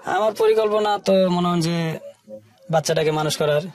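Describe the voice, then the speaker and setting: Speaking with a Bangladeshi accent and a slightly high voice, a man tells his life story as an interview guest. He talks colloquially, in halting short phrases.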